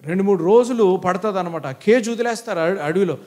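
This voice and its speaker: A male pastor preaching an animated sermon, often mixing in English phrases and speaking directly to the congregation. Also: sits high, quick pace.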